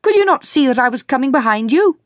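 A woman voices a grumpy old male shoemaker who finds fault with everything, ranting in a shrill, high, nagging voice and scolding everyone around him. Her blustering storybook reading is sing-song and quick. The recording sounds close and dry.

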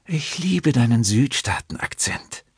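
A man's voice: mid-range voice, big pitch swings, unhurried, darkish tone, breathy edge, dry recording, pitched above the performer's own voice, heavily acted. A man reading an audiobook puts on a pushy young woman who coos and teases in a raised, bouncy voice. The sound is dry and close, with no room around it. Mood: cooing. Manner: cooing, teasing.

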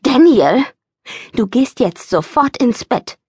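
A woman voicing a weary mother in an audiobook, calming at first and giving firm commands. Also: fairly high pitch, slow pace, breathy edge, no echo, studio quality, voice pushed up, heavily acted. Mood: stern. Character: weary mother, soothing then stern.

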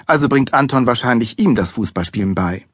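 A man voicing a sharp-tongued mother who snaps at her husband. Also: medium pitch, expressive, a little fast, slightly rough, no echo, clean studio sound. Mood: questioning. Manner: snapping, indignant.

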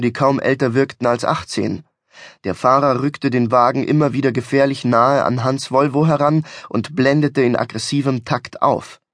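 A man's voice: medium pitch, a bit bright, no room sound. A man narrating a comic novel in the first person in a wry, dry storytelling manner. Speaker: audiobook narrator. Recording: dry studio recording.

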